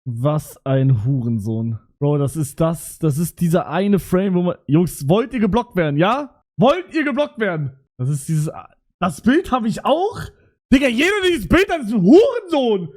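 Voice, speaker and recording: A young man with a fairly high voice streams live and reacts to his messages. His chatter is loud, excitable and full of slang, as he talks straight to his viewers. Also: moderate pace. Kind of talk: casual livestream reaction.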